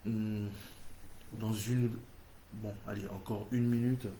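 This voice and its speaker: A man's voice: fairly low pitch, steady tone, takes it slowly, warm tone, slight background noise. A man with an English-speaking accent hosting a church livestream, leading a fervent, repetitive prayer in French. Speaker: church host.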